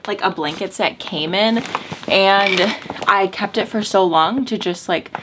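A woman's voice: mid-range voice, measured pace, background noise. Chatty young woman vlogging at home. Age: young adult. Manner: chatty, rambling, lots of "like" fillers. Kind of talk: casual chat. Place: at home, indoors.

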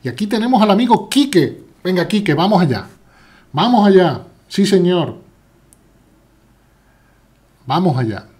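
A man's voice: sits high, sing-song, measured pace, long pauses, a little mellow, breathy edge. A man with a Spain Spanish accent, chatting playfully as he plays live chess and answers viewers' chat. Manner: chatty, playful, reads chat aloud while playing. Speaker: chess streamer. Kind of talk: live chess stream commentary.

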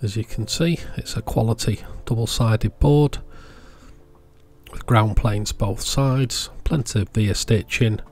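Speaking slowly in a lowish, slightly mellow voice, the channel's presenter gives a casual product showcase voice-over. He explains hobby electronics in a relaxed, plain-spoken way.

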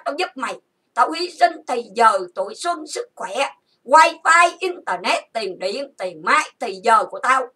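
A high-voiced woman rants in anger, hurling accusations and stacking grievance after grievance. Her tone is bright and sharp with a husky edge. She sits some way off from the mic. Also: far from the mic. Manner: accusatory, insulting, repetitive listing. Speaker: channel host. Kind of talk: angry ranting monologue.

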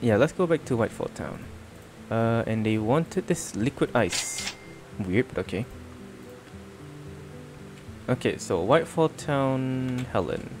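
Rambling, giggly male streamer. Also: medium pitch. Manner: rambling, stammering, laughs often. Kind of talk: casual let's-play chat.

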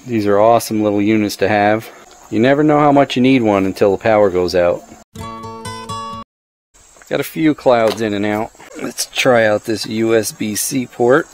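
Reviewing gear outdoors in a driveway, a middle-aged man speaks at a moderate pace in a lowish, darkish voice. He thinks aloud and drops dry jokes through this casual hands-on product review, filmed on a body-worn action camera.

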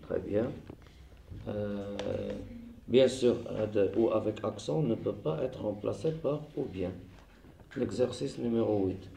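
A man's voice: on the low side, takes it slowly, gravelly, warm tone, echoey room, a little hiss or hum. A man with a Moroccan accent teaching a grammar lesson, explaining in French and Moroccan Arabic and quizzing a child.

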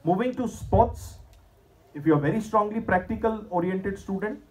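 Higher-pitched Indian man giving a lecture. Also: normal speed, darkish tone, low-quality recording. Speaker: presenter at a school career seminar. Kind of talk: lecture to students with slides. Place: school hall stage, indoors at a podium.

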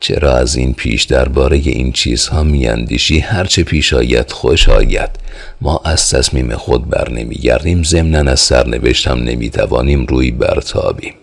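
Easygoing teasing friend, read by a man, chiding and persuasive, very deep voice, husky edge, audiobook. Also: exaggerated voice. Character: worldly joking male friend, teasing and persuasive.

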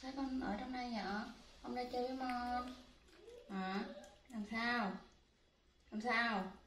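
A young woman talking to her pet monkeys as their mother, coaxing them in gentle baby talk. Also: on the high side, level tone, measured pace, roomy sound, slight background noise.

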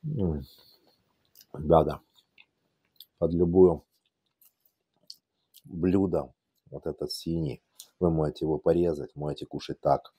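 A man's voice: extremely low pitch, fairly even intonation, slow, pauses often, dark tone, husky, no room sound. A man with an Odesa Russian accent tinged with Yiddish, casually demonstrating cooking in a folksy, repetitive way with affectionate diminutives. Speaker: cooking channel host.

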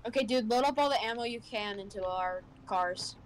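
A woman's voice: on the high side, a little fast, a little hiss or hum, low-quality recording. A woman co-hosting a gaming video in casual chat, bossy and teasing with playful drama.

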